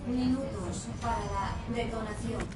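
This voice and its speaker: A calm, impersonal facility computer reads out a countdown over a loudspeaker. The voice sits a little high and moves slowly and evenly, with game music playing loudly behind it. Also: female voice. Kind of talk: video game voice acting.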